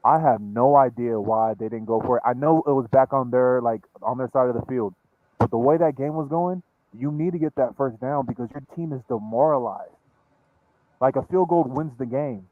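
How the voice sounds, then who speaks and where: Male caller, muffled low-fi mic, earnest sports debater, dry sound. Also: moderate pace, no room sound. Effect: muffled, quiet mic with dull bass-heavy sound.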